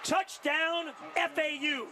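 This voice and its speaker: A man doing live American football play-by-play, with shouted, excited touchdown calls. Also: very high voice, takes it slowly, noisy background. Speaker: play-by-play commentator.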